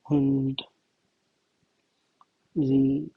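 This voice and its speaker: A man tutoring German in a slow, think-aloud walkthrough, who is not a native speaker of German. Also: mid-range voice, monotone, creaky, slightly rough, phone-quality sound. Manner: slow, thinking aloud while writing answers. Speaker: language tutor. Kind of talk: self-study lesson walkthrough.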